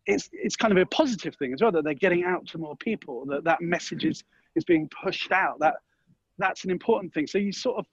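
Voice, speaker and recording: Husky-voiced man, thoughtful and dry. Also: high voice, lively intonation, brisk, dry recording, muffled recording. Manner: thoughtful, restarts often, weighs both sides. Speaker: guest. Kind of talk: interview conversation.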